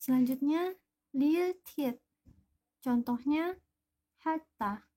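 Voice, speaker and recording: Woman teacher, high voice, slow pace, mellow tone, patient explanations. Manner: patient, spells out each example word. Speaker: Korean language teacher.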